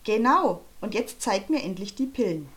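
A woman narrates an audiobook in a medium-pitched, slightly bright voice with big swings in pitch, keeping a moderate pace. She's voicing a cheeky, confident young girl who speaks boldly and boastfully, giving her a bubbly, bragging edge.

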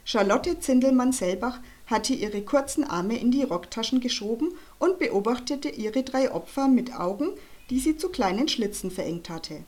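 A woman narrating a children's book in a lively, expressive way. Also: on the high side, moderate pace. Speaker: audiobook reader.

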